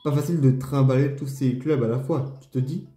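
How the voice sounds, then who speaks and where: A man reading a stern male golf club official's lines aloud, slow and deliberate, as he plays a game. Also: medium pitch, mellow, natural voice. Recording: roomy echo, faint game music.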